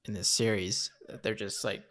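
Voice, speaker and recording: A man's voice: on the low side, flat delivery, moderate pace, a bit bright. A man giving casual, informal and sweary reaction commentary while watching an anime film. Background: faint music from the film.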